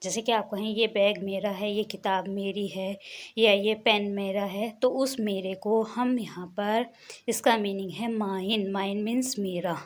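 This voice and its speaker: A woman's voice: mid-range voice, fairly even intonation, a little slow. A young woman, a teacher patiently explaining English words and spelling them out letter by letter.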